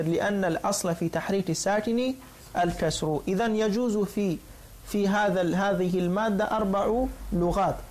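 Man, class teacher, patient drilling delivery, frequent comprehension checks. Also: high-pitched. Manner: patient, repeats and drills forms, checks understanding; halting restarts while explaining. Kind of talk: classroom lecture.

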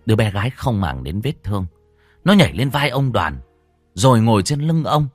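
A man narrates a ghost story with dramatic, expressive storytelling. His pitch swings widely as he builds the tension. The voice is close and dry, with faint music playing underneath. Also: moderate pace, no echo. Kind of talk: scripted horror story narration.

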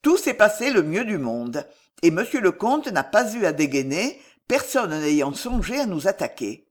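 A woman's voice: lowish voice, sing-song, normal speed. A woman reading a young male chevalier, courteous and reassuring, close to her own voice.

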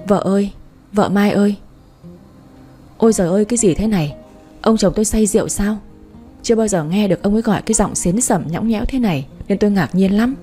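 A woman narrating a romance story in the first person, with an even storytelling delivery. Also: medium pitch. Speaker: story reader. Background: faint music.

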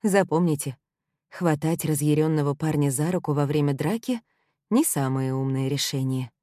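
A woman narrating a first-person story in an even, storytelling delivery. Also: deep voice, moderate pace, no echo, studio quality.

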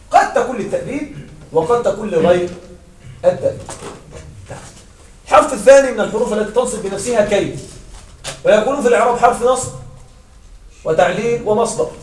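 A man's voice: sits high, slight background noise. A man teaching an Arabic grammar lesson to a class, often stopping to check that his students follow. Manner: checks understanding with frequent questions to students. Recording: echoey room from far off.

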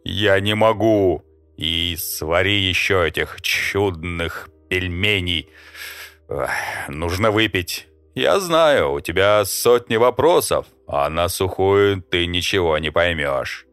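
A man's voice: deep voice, very animated, slow pace, a bit bright, no room sound, full character voice. A man reading an audiobook, voicing a brash, greedy, rude alien trader who keeps drawling "eh". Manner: drawling, interjecting "eh", cheeky. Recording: dry close mic, faint music.

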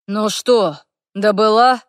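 A woman's voice: medium pitch, steady tone, takes it slowly, dry recording, lightly acted. A male dragon in human guise, short-tempered and worn out by his companions, as a woman narrator voices him. He answers in brusque, clipped retorts. Close, dry audiobook reading. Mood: exasperated. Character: male dragon in human form, gruff and exasperated. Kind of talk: audiobook character voice.

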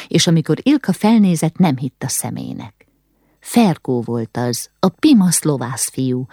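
A woman reading a novel aloud in measured, steady audiobook narration. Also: very deep voice, no room sound, clean studio sound.

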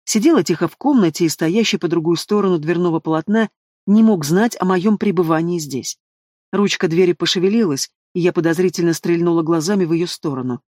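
A man narrating a first-person fantasy audiobook with an expressive, dramatic reading, recorded close to the microphone. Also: high voice, fairly quick, dry recording.

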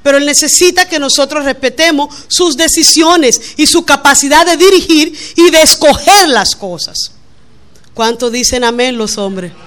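Lively, bright-voiced woman pastor preaching. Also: high-pitched, normal speed. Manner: lively, playful sermon with acted-out quotes. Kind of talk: sermon. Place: church.

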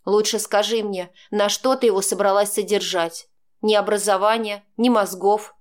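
A woman's voice: medium pitch, fairly even intonation, normal speed, close to an everyday voice. A woman voicing a cold, sarcastic middle-aged mother who speaks in a cutting, scornful way.

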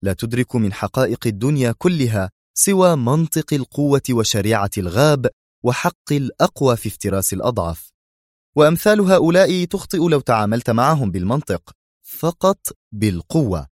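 A man's voice: on the low side, expressive, brisk, darkish tone, dry recording, clean studio sound, natural voice. A man voicing a stern male intelligence commander who speaks in a firm, clipped, commanding way.

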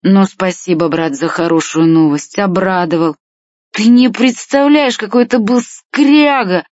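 A woman's voice: mid-range voice, measured pace, darkish tone, no room sound, highs cut off, natural voice. Woman voicing a crude, sleepy man of thirty. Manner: crude, casual.

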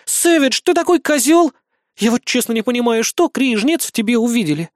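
Man putting on a shrill, scolding young woman. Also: sing-song, normal speed, no room sound, studio quality. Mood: teasing. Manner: scolding and mocking. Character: brash young woman fighter, sharp-tongued and hot-tempered.

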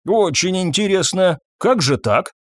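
A man's voice: high-pitched, animated, dry recording, voice pushed up. Man playing an indifferent hotel manager. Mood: dismissive. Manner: unhurried, dryly evasive.

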